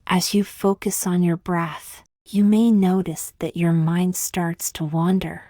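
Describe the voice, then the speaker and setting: A woman with a slightly low voice narrates a scripted guided meditation for beginners, speaking softly and breathily, at times nearly whispering. Her manner is gentle and soothing, with long pauses and little pitch movement. The recording is dry, with no room echo.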